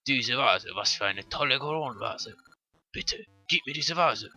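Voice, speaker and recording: A man's voice: medium pitch, animated, unhurried, bright, forceful tone, exaggerated voice. A man with a Swiss German accent reading aloud an eager male rock-creature collector in a video game.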